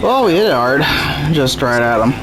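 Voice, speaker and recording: Very animated at a moderate pace, a young man with a sore, strained throat casually talks over his own baseball game. He's a gaming YouTuber with a mid-range voice that sounds strained and rough, and his manner is laid-back and self-deprecating. The recording is a noisy one made at home.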